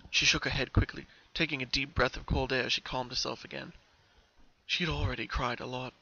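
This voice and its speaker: His narration of a scripted dramatic story comes a little fast, with fairly even intonation and some creakiness. The man's voice is middle-pitched, bright and forward, though the audio is a bit dull, like a home recording.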